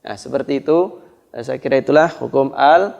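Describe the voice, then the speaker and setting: Male teacher, fairly high pitch, slow and deliberate, stretches out the recited examples. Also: a little mellow, lo-fi sound. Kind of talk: Quran recitation lesson.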